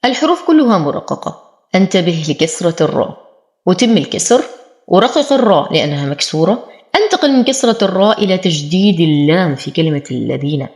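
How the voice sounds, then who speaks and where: A woman with a somewhat low voice leads a Quran recitation lesson. She stretches each recited word slowly and carefully. Then she moves quickly through the explanation of the rule. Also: sing-song, darkish tone. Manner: slowly draws out recited words, then explains rules briskly.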